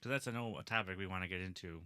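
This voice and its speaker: A man's voice: low-pitched, rapid-fire, sharp tone, smooth, dry recording, clean studio sound. A man co-hosting a podcast who asks curious, short follow-up questions in casual talk. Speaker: podcast co-host.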